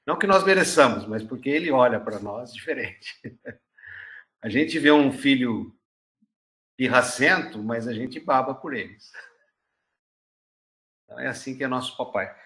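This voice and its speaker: A man's voice: mid-range voice, lively intonation, unhurried, long pauses, fairly bright tone. Pastor in his sixties, roomy sound. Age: 60s. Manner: conversational, musing, tells stories with quoted dialogue. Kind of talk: teaching a church class. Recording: roomy echo.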